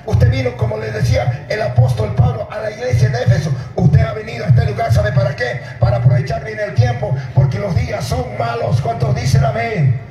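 A middle-aged man preaching at night on an outdoor stage, speaking into a handheld mic, calling out to the congregation and shouting at the peaks. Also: sits high, steady tone, a little fast, hardly any pauses, muffled recording, over loud music. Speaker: pastor. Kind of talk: open-air sermon. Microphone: handheld mic through PA, filmed from far. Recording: echoey PA sound from far off.

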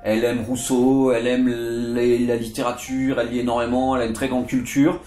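A man's voice: medium pitch, little pitch movement, brisk, warm tone. A man giving a casual, chatty history lesson, full of jokey asides and digressions. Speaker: literature video host. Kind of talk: casual storytelling lecture. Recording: echoey room with faint guitar music.

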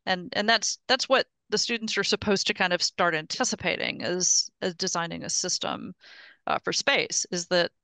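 Gravelly, forceful woman on a headset. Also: lowish voice, moderate pace, no echo. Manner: explains step by step, often restarting words. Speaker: project presenter at an engineering meetup. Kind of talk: casual technical update. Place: home office on a video call. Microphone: headset mic.

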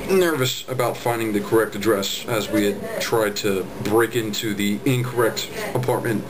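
A man's voice: lowish voice, normal speed, crowd noise, low-quality recording. Young man narrating a road trip. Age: 20s. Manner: relaxed, dry teasing. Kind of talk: casual travel narration and car chat. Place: inside a moving car. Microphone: handheld camera in the car. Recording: loud road noise.

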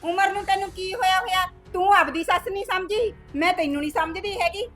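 A woman's voice: extremely high pitch, fairly quick, a bit bright. A woman acting as a rude young daughter-in-law, taunting and snappish. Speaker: actor in a short film.

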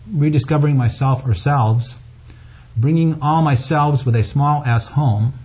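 A man's voice: mid-range voice, darkish tone, husky, muffled recording. A man being interviewed as an author, speaking frankly and bluntly, cursing freely. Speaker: guest author. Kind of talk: candid interview talk.

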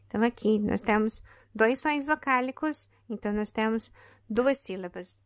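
A Brazilian woman in her thirties teaches pronunciation with a Brazilian Portuguese accent. She talks slowly, in a fairly high voice, and says each example word twice, patiently. The recording is dry and close, with no room sound. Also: no echo. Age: 30s. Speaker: English teacher. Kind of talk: pronunciation lesson.

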